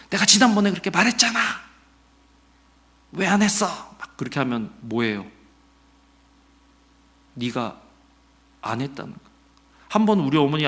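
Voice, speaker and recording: A middle-aged pastor with a mid-range voice delivers his Sunday sermon in a conversational, animated way. He puts questions to the congregation and acts out quotes.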